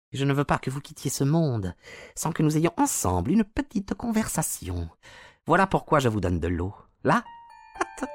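A man's voice: on the high side, no echo, studio quality, pitched above the performer's own voice. A man voicing a gloating, sneering villain who mocks a dying rival in a radio play. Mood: menacing. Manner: sneering, mocking, taunting. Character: gloating sinister male poisoner villain.

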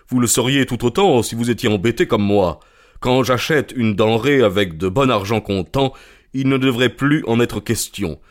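A man reading an audiobook, voicing an irritable middle-aged goose seller who talks gruffly and boastfully. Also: mid-range voice, voice pushed up, lightly acted. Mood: angry.

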